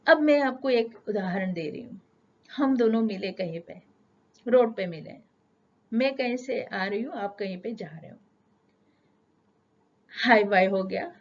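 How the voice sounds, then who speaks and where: A middle-aged woman teaching spoken English, explaining patiently with everyday examples and slowing down on English sentences. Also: medium pitch, animated. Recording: dull lo-fi sound.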